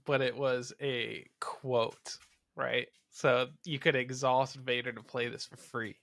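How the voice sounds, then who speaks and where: A man's voice: mid-range voice, level tone, takes it slowly, vocal fry, a bit bright, dry recording. A man co-hosting a casual card game podcast, thinking aloud and floating ideas. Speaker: podcast co-host. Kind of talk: casual chat.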